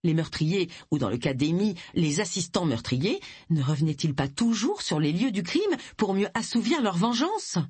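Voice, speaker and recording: An audiobook narrator reading a story in an expressive way. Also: medium pitch, normal speed, breathy edge, no echo. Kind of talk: scripted narration.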